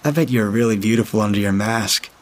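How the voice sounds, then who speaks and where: A man's voice: lowish voice, fast, close to an everyday voice. A man voicing a pushy, tipsy young man who wheedles and leers in a story reading. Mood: wheedling.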